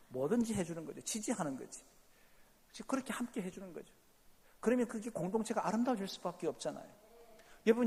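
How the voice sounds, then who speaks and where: A middle-aged male pastor preaching a sermon, shifting between quiet asides and loud, emphatic declarations. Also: fairly high pitch, a little hiss or hum. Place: church sanctuary. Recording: long church reverb.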